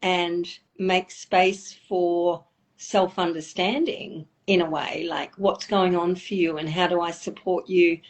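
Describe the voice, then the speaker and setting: Measured, thoughtful woman, low voice. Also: steady tone. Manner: thoughtful, measured, slows to stress points. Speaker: guest expert. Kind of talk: instagram live conversation.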